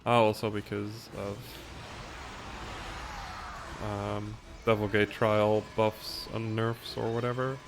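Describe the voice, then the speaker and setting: Game music plays behind a speedrunner from the Netherlands, a native Dutch speaker whose accent mixes British and American, as he chats casually while playing. He talks slowly in a lowish voice with little pitch movement, vocal fry, and long pauses, against a noisy background.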